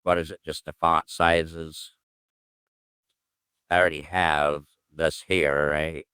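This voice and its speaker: A man with an extremely deep, smooth and resonant voice talks himself through a coding session in a casual way. He mutters, hums and trails off as he thinks aloud. The recording is dry and close, with no room echo. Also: flat delivery, slow pace, pushed and bright. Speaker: programmer streaming his coding work.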